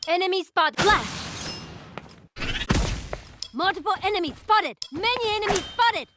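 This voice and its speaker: A brisk ninja heroine from a shooter game. She speaks very high, in short, punchy callouts. Noise and clicks are clear behind her. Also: animated. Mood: brisk, spirited. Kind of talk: game character voice lines.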